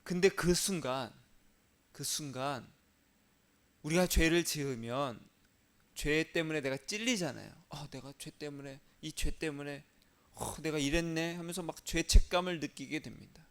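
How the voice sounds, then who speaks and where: A man's voice: a little high, a little slow, a bit bright. A male pastor giving a sermon in a conversational way, asking rhetorical questions and acting out inner thoughts.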